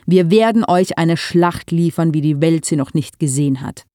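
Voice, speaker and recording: Reader doing a wild young guy yelling at a storm, kinda frantic, dark mellow tone. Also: mid-range voice, normal speed, dry recording, clean studio sound, close to an everyday voice. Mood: defiant shouting. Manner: shouting, frantic. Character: reckless fervent young man, shouting. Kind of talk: audiobook reading.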